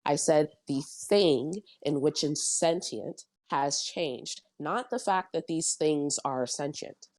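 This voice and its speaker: A woman debating in an online voice chat, measured and precise, correcting and rephrasing herself as she builds her point. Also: deep voice, darkish tone, dry recording.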